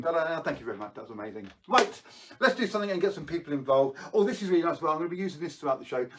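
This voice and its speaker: A man's voice: fairly high pitch, slight background noise. A man presenting tricks as a kids party magician on a live show, chatty and playful, coaxing viewers to join in.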